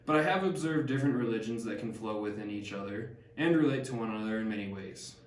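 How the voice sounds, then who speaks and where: Harriet Martineau, read flatly by a young man. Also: on the low side, fast, a little hiss or hum, natural voice. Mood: measured. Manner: reads plainly with small stumbles. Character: Harriet Martineau, older woman, learned traveler. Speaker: student actor. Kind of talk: amateur class skit read from script. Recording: echoey room, distant mic.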